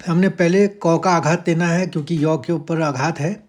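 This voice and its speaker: A man teaching how to pronounce a Sanskrit verse, breaking words into sounds and chanting each line slowly. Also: fairly high pitch, steady tone. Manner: explains syllable by syllable, chants verses slowly and louder. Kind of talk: slow pronunciation lesson with chanted verse.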